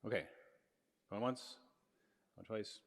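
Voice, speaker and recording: A middle-aged man's lowish voice, slow and marked by vocal fry, fills a large hall with long reverb as he gives a live physics lecture to students. Holding a microphone, he explains casually and corrects himself as he goes.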